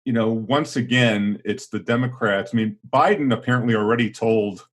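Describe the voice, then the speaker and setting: Middle-aged male co-host, low-pitched, deliberate talker who hedges and restarts often, casual political podcast chat. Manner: thinking aloud, hedging with fillers and restarts. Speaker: podcast co-host, former teacher.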